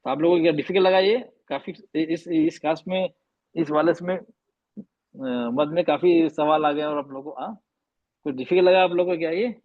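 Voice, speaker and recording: Speaking at a moderate pace, this man has a voice on the high side and patiently drills Arabic letter sounds for an online class, repeating them often. His Hindi is mixed with English phrases. Recorded on a video call microphone, the sound is dry, with no room sound, and the highs are cut off.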